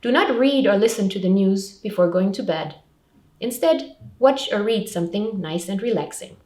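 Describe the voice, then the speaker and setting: A woman with an animated, medium-pitched voice and a dark tone talks at a normal speed. She delivers a scripted public information piece as a support counsellor, giving simple step-by-step advice in short, clearly structured sentences. The microphone is distant, leaving a roomy echo.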